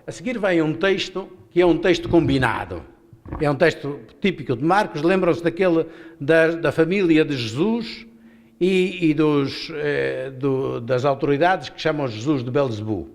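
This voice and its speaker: Portuguese bishop guy teaching bible passage, explains as he goes, restarts a lot, asks questions out loud. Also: fairly high pitch, unhurried, gravelly. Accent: European Portuguese. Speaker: bishop leading a Bible study. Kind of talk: guided Bible reading talk. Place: seminary hall.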